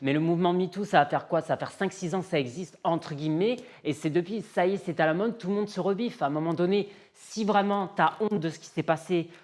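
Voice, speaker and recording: A guest on an interview, this southern French music artist sounds sure of themselves, speaking openly and emphatically and repeating lines for effect. Their mid-range voice is brisk and darkish, with few pauses.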